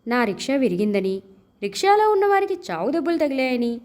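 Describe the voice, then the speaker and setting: A woman narrating a literary short story as an audiobook in an expressive, measured storytelling manner, giving the characters' dialogue its own voices. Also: high voice.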